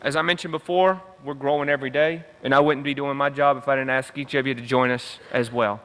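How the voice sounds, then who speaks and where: A man's voice: mid-range voice, steady tone, fairly quick, a bit bright. A young man giving an emphatic convention speech with a repetitive rallying cadence, as a union veterans leader. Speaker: union veterans council director. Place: convention hall. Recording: echoey hall reverb.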